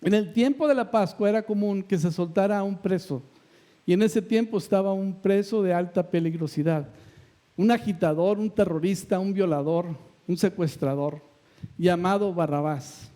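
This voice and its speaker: A man's voice: high-pitched, normal speed, dark tone. A male pastor preaching a sermon with emphatic, repeated phrases.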